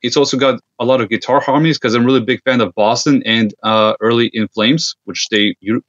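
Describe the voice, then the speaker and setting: A man's voice: medium pitch, steady tone, brisk, fairly bright tone. A man from Serbia, guesting on a podcast in easygoing, hesitant casual chat. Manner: easygoing, many fillers and hesitations. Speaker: guest, gear company founder. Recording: dull lo-fi sound.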